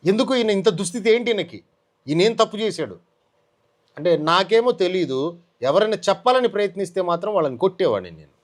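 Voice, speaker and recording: A man's voice: sits high, animated, fairly quick. Earnest Telugu man telling his testimony. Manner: earnest storytelling, acts out quoted dialogue. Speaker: testimony guest. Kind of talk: personal testimony interview.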